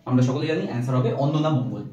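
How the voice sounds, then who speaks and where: A man's voice: mid-range voice, racing, mellow, lo-fi sound. A male teacher goes through exam multiple-choice questions. He reads each set of options, then gives the answer with fillers, and mixes English words into his speech. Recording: very echoey, from far off.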